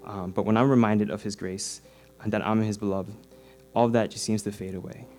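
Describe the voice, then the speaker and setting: Faint music sits behind a young man in his twenties from Singapore as he offers a prepared baptism testimony at church. His lowish voice is steady, brisk, and a little mellow, and he speaks earnestly with frequent ums and uhs.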